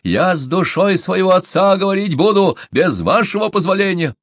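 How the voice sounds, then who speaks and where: Hot-headed young man, read by a man: loud, raised, accusing. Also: sits high, animated, normal speed, no echo, voice pushed up. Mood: heated. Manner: shouting hotly. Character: angry young man, heated and suspicious.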